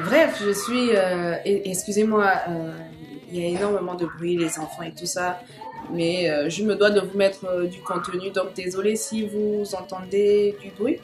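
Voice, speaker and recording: A young woman tells a story to her viewers in a casual way. She repeats phrases and drops slangy asides. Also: mid-range voice. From Gabon. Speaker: online content creator. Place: home with children playing nearby. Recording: echoey room with faint background noise.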